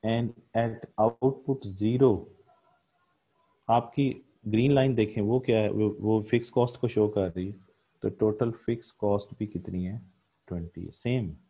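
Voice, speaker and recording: Lecturer, low voice, dull recording. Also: male voice, warm tone, breathy edge. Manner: explains a cost graph step by step, repeating and pointing at lines; frequent "uh" fillers. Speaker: economics lecturer.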